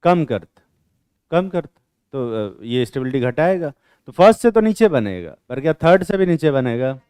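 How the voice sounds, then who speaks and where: A man teaching chemistry to a class, quizzing students and teasing them in blunt, rough slang. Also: mid-range voice, big pitch swings, normal speed, darkish tone, no room sound, clean studio sound. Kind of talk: classroom lecture with questioning.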